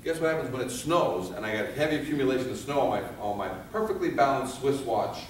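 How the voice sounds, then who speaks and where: A man's voice: mid-range voice, lively intonation, fast. A man teaching a class of firefighters. He keeps asking the room questions, answers them himself, and acts out scenes in different voices. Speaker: fire safety instructor. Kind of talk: live training talk to firefighters. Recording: echoey, from far off, with some background noise.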